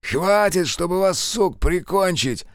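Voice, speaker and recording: A man's voice: a little high, a little slow, vocal fry, no echo, studio quality, pitched above the performer's own voice. A man voicing a wounded, foul-mouthed middle-aged ex-convict who snaps defiantly at his captors. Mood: snarling. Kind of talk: audiobook character voice.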